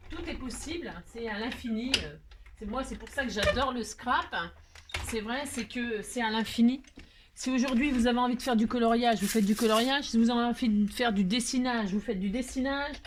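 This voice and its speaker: A woman's voice: on the high side, a little fast, background noise. A woman hosting a casual craft tutorial, chatting in a rambling, self-mocking way with frequent laughs and asides.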